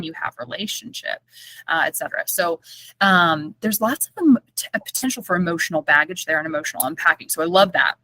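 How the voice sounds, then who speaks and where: A woman speech therapist chats on a podcast with a bright, forceful voice, animated and playful as she acts out small scenes with quick laughs. The sound is dry and close, with no room echo. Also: on the low side. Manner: animated storytelling with playful acted-out quotes and laughter. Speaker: guest speech-language pathologist. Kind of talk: casual podcast interview.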